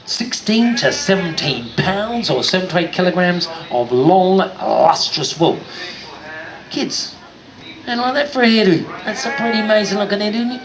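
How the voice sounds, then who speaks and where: Higher-voiced New man, jokey showman. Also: expressive, moderate pace, music in the background. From New Zealand. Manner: jokey showman, addresses kids and audience. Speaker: sheep show presenter. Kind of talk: live show commentary for a crowd. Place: live show stage before an audience.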